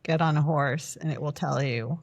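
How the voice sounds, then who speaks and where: Woman, coach guest, playful, quick, lowish pitch. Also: gravelly. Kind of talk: casual conversation.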